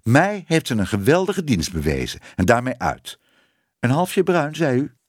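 A man voicing a flustered, excitable baker's wife who talks breathlessly. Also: mid-range voice, moderate pace, no echo, studio quality, voice pushed up.

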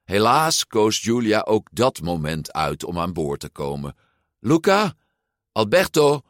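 A man reading a children's story aloud with expressive, lively intonation. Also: low voice, a little slow, no room sound, studio quality. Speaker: storybook narrator. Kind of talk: storybook read-aloud narration.

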